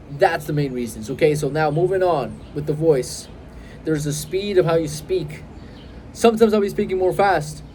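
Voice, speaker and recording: A self-improvement coach in his twenties records a direct-to-camera advice vlog, holding his phone close and speaking with confident emphasis and deliberate pauses. His voice is a touch high but warm and mellow, faint outdoor noise hums beneath, and the recording quality is low.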